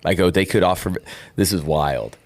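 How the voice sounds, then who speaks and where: A man's voice: low voice, normal speed. A middle-aged man, a former football player co-hosting a podcast, earnestly telling a personal story in casual chat.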